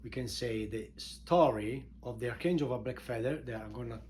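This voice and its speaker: A man from Italy with an Italian accent, informally introducing his book in halting non-native English, repeating words for emphasis. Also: medium pitch, darkish tone, a little hiss or hum. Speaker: author and show host introducing his book.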